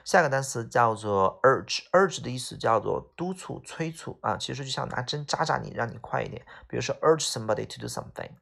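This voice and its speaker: A man's voice: medium pitch, lively intonation, brisk, gravelly, hardly any pauses, fairly bright tone. A man teaching English vocabulary word by word, explaining in a casual way with everyday examples and a habit of tagging lines with "OK".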